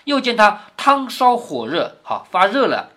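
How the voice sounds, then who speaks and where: A man's voice: high voice, huge pitch swings, a little slow, pushed and bright. A man reading a classic novel aloud to his daughter, explaining it with lots of rhetorical questions. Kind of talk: storybook reading with commentary.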